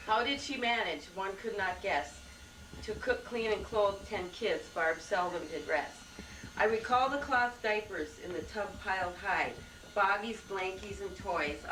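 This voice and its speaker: A woman reads a rhyming family tribute at a slow, measured pace. The sound is that of an old VHS home video with tape hiss. Her voice comes from a distance in a roomy space. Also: mid-range voice. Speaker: family member reading a tribute. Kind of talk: reading a rhyming tribute poem.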